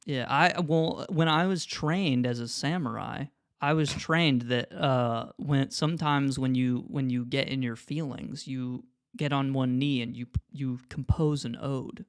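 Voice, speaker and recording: A man's voice: mid-range voice, unhurried, few pauses, smooth, no room sound, clean studio sound. A young man co-hosting a podcast in casual chat, who keeps cracking up with laughter in the middle of his sentences. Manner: giggly, keeps breaking into laughter mid-sentence. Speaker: podcast co-host.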